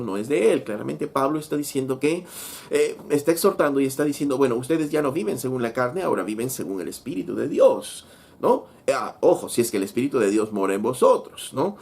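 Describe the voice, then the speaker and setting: A man's voice: mid-range voice, a little mellow, slightly rough. A man preaching a sermon, reading scripture aloud and often asking rhetorical questions. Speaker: pastor.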